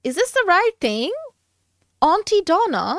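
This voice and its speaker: A woman's voice: extremely high pitch, very animated, a bit bright, dry recording, clean studio sound. A woman streamer chatting casually and giggling while she draws on stream. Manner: slow, musing, giggly.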